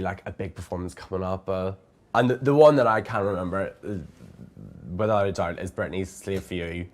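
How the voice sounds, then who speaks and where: A man's voice: fairly low pitch, darkish tone. A young man, a drag performer, telling his own story candidly in a documentary interview, reflective and full of "like" fillers. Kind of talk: personal testimony in a documentary.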